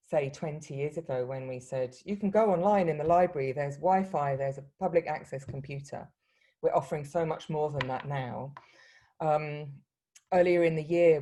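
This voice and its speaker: A woman moderating an online panel session in a relaxed, informal way, with some fillers. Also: low voice. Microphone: video call.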